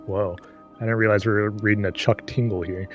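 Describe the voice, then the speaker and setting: A man with a fairly low voice reads a book aloud on a live stream, breaking off often for dry, profane jokes. His reading is halting and wry, with quiet music playing faintly behind him. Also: little pitch movement, dull audio. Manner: sarcastic, swears, stumbles and reads haltingly. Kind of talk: comic read-aloud with running commentary.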